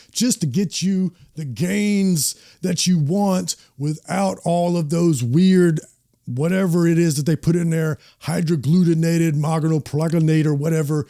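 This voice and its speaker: Man, gravelly voice, mellow dark tone, casual album review, enthusiastic. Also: fairly high pitch. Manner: enthusiastic, joking. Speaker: host.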